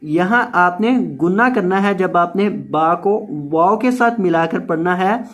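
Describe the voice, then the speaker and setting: Slow, patient male recitation teacher. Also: high voice, a bit bright. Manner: drills each word slowly, repeating and correcting mispronunciations; melodic slow chanted recitation. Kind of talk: word-by-word tajweed lesson.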